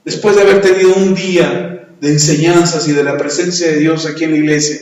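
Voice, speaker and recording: Man, pastor's sermon, a bit high, very echoey church room. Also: brisk, lo-fi sound. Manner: earnest, animated preaching with laughter and rhetorical questions.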